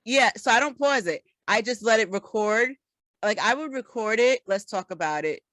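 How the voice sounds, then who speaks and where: A woman's voice: fairly high pitch, moderate pace, fairly bright tone, dry recording. A woman co-hosting a casual podcast chat, patiently explaining and giving advice. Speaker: podcast co-host.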